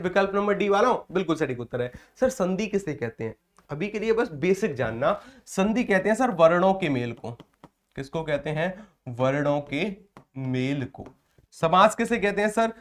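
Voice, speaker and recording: A man teaching a live online lesson, asking the class a question, then repeating it and answering it himself, and encouraging viewers by reading their comments aloud. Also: high-pitched. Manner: repetitive call-and-response questioning.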